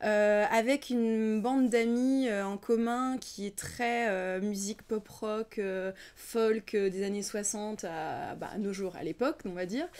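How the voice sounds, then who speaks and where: A woman's voice: mid-range voice, unhurried, few pauses, a little mellow, clear, resonant tone. A young adult woman, a singer and singing teacher, talking thoughtfully in an interview, hesitating often and sometimes dropping to a near-whisper. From Ukrainian family background, raised in France. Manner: thoughtful, hesitant with many fillers, drops to near-whisper at times. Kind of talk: casual interview talk.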